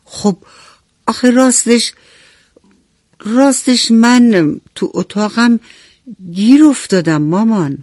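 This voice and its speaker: A woman's voice: on the high side, animated, long pauses, darkish tone, no echo, clean studio sound, voice pushed up, natural voice. A woman voicing a hungry, sheepish little boy in a bedtime storybook, with a pleading, childlike manner. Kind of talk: storybook narration.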